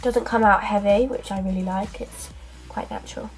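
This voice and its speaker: A young beauty vlogger, stuffy from a cold, chats through a casual makeup tutorial while applying makeup, filling pauses with ums and little asides. She talks to a camera at arm's length in a small bedroom dressing area, with faint music underneath. Her mid-range voice has fairly even intonation, and the recording is low quality.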